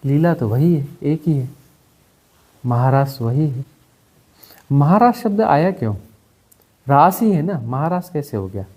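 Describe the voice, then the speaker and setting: A man's voice: a little high, animated, measured pace, long pauses, warm tone. A man acting as a spiritual teacher, giving a discourse full of rhetorical questions and mocking impressions of moralizers.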